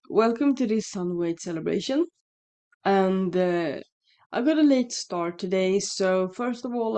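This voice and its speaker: In her morning vlog, a shamanism vlogger from Sweden talks casually at home, wandering off topic and fixing her own words. Her Swedish-accented voice is mellow and medium-pitched, a little sniffly like a cold is coming on. The dry indoor room is captured through headphones with a mic.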